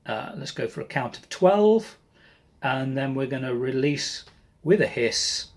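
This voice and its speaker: A man leading a choir breathing warm-up, counting slowly and calmly with friendly asides to his singers. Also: mid-range voice. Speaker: choir leader. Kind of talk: breathing exercise lesson.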